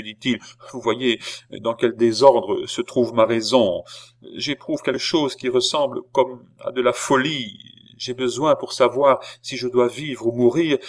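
A man's voice: mid-range voice, close to an everyday voice. A man reading an audiobook, voicing a desperate young nobleman who pleads in impassioned bursts. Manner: impassioned, sobbing pleas.

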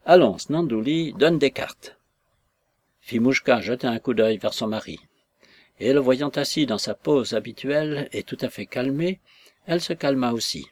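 A man reading a novel aloud as narrator, expressive and acting out voices. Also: medium pitch, moderate pace. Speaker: audiobook reader. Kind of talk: scripted narration.

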